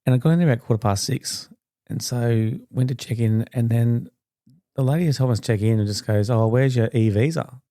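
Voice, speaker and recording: A man's voice: medium pitch, brisk, warm tone, no echo, studio quality. A middle-aged man hosting a podcast, telling a story in a casual, chatty, rambling way and often restarting his sentences. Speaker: podcast host.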